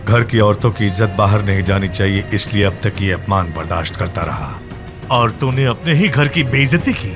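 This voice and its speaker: A man's voice: lowish voice, lively intonation, normal speed, music in the background, close to an everyday voice. A man dubbing a stern, proud older faction leader in a film, speaking with commanding authority. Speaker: dub actor. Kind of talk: dubbed film dialogue. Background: film score.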